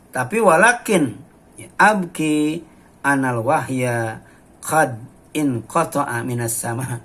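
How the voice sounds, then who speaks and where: Gravelly-voiced male preacher. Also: medium pitch, a little hiss or hum. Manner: constant "ya" fillers, recites Arabic then explains. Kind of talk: religious study lecture.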